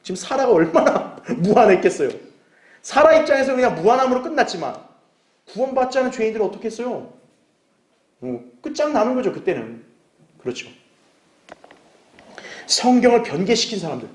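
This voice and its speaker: A man's voice: sits high, big pitch swings, a little fast, pauses often. Man preaching in a roomy church. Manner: conversational, asks the congregation questions and acts out short dialogues. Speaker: pastor. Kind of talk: sermon, Bible exposition.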